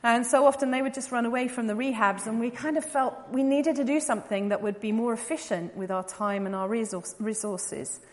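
An English woman in her forties, speaking fairly quickly with a somewhat high voice and hardly any pauses, gives an informal missionary talk to a church audience. She's chatty, with plenty of ums and light laughing asides, and a large hall's long reverb surrounds her.

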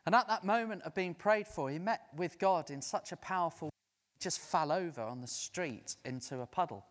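Man, preacher, sermon, lively storytelling, slightly high voice, long hall reverb. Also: fairly quick. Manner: lively storyteller who acts out quoted voices.

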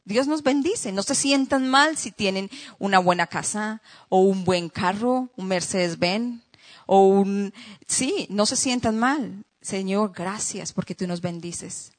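A woman's voice: mid-range voice, takes it slowly. Woman preacher delivering an emphatic sermon. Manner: emphatic, repeats phrases, checks in with listeners. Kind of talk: sermon with rhetorical questions to the congregation.

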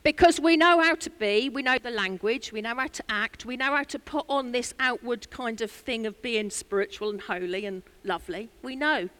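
A woman pastor preaching a sermon in a church, telling a story with lively asides and questions to the congregation. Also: a little high, moderate pace, few pauses.

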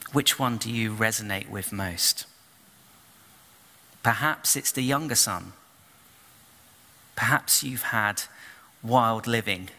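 A man preaches in a church, retelling the story at an unhurried pace. His voice is bright and forward. A long hall reverb follows every phrase. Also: fairly low pitch. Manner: storytelling, expressive retelling with questions to the congregation. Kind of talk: sermon.

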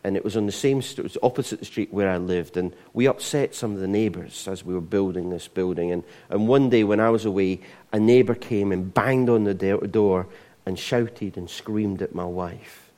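A man's voice: lowish voice, normal speed, warm tone. A middle-aged Scottish man preaching a sermon in a conversational way, often restarting and repeating words as he goes. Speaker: pastor.

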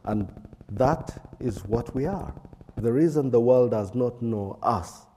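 A man giving a sermon and reading scripture in a slow, measured way with pauses, his voice echoing around a big hall. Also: medium pitch, mellow, slight background noise. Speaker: preacher.

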